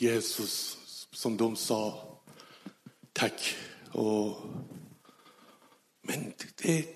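A man telling his personal conversion story, animatedly acting out the dialogue, with halting, non-native phrasing. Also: medium pitch. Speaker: testimony speaker. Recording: reverberant hall.

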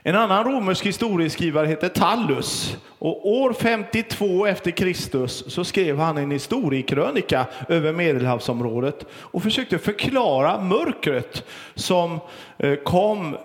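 A middle-aged man preaching a sermon as pastor, earnest and storytelling, with pauses and fillers. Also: on the high side, expressive, long reverb tail.

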